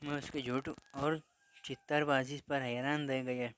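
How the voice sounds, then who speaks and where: A man's voice: medium pitch, little pitch movement, fairly bright tone, clean tone, no room sound, low-quality recording. A man narrating a first-person horror story, with a dramatic reading style that often stumbles and restarts phrases.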